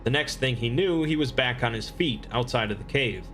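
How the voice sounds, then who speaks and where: A man reading scripted explainer narration in a measured, expository manner. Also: mid-range voice, fairly bright tone, faint music behind.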